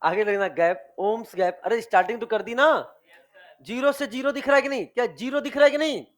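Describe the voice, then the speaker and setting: High-voiced man quizzing a chemistry class. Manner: quizzing students with repeated questions, drawn-out key words; affectionate, calls students dear children. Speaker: chemistry teacher. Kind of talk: classroom lecture with online students.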